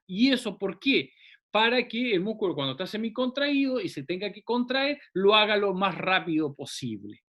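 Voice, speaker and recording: A man's voice: sits high, fairly bright tone. A man teaching a classroom anatomy lecture, explaining step by step and often checking in with the class.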